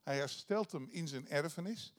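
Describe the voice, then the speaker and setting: Higher-voiced Dutch-speaking man preaching. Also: moderate pace. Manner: retelling a parable with frequent hesitations and restarts. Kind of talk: sermon.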